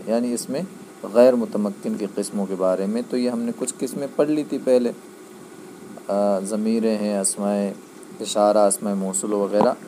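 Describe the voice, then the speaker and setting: A man's voice: on the low side, noisy background. A man teaching a grammar lesson, explaining patiently and checking that his students understand. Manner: patient, repeats key points, checks understanding.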